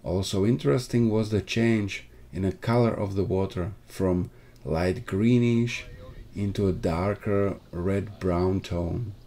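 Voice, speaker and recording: A man narrating a sailing trip in a steady, plain voice-over. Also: low-pitched, slow pace. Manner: plain, steady, slightly non-native phrasing.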